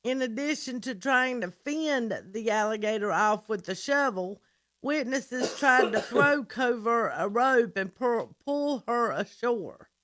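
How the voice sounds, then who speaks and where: A woman co-hosting a morning radio show, reading out a news report at a steady pace and adding dry remarks. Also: on the high side, slow.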